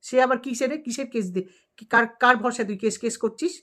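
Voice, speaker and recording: A woman vlogger scolds a rival in a long, heated rant. Her voice sits fairly high, and she fires off insults and rhetorical questions one after another. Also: brisk, pushed and bright.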